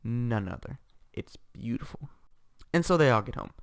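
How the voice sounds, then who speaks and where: A young man hosting a casual book review vlog, gushing and animated. His voice is pitched mid-range for a man and swings widely from high to low. He sounds fully absorbed in his subject. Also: moderate pace.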